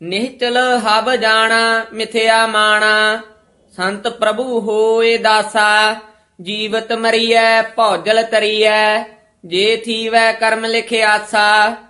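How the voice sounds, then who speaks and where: A reader recites a devotional hymn line by line in a measured, even chant. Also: medium pitch. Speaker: student reciting scripture.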